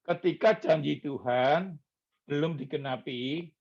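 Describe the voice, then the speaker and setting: A middle-aged man preaches a sermon in a high, unhurried voice. He tells stories with animation and acts out the voices he quotes. The recording sounds slightly dull and lo-fi. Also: breathy edge. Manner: animated storytelling, acts out quoted voices, addresses congregation as "saudara".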